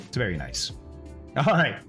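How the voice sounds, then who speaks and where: A man's voice: on the high side, fairly bright tone. A man streaming a flight simulator, chatting casually with viewers, thinking aloud and laughing often. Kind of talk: casual live-stream chat.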